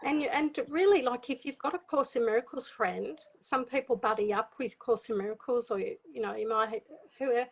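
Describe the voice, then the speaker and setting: A woman's voice: fairly high pitch, moderate pace, creaky, husky. A woman giving a spiritual teaching talk in a conversational way, repeating phrases for emphasis. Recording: dull lo-fi sound.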